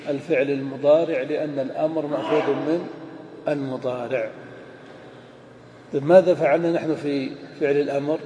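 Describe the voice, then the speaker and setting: Male grammar teacher, mellow higher voice, explains step by step, echoey hall recording. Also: muffled recording. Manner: explains step by step, asks questions and answers them himself. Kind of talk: classroom grammar lesson. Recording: echoey hall, faint room noise.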